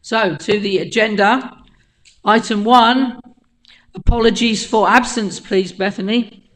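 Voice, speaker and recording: Croaky woman, committee chair in a council chamber, formal and procedural, polite. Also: on the high side, slow pace, poor audio. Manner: polite, procedural, reads out names and rules.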